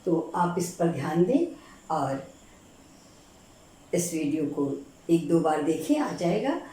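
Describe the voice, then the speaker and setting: A woman teacher giving a grammar lesson for exam preparation, patiently repeating each word slowly so students catch the correct form. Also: sits low, very animated, mellow. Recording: very echoey room.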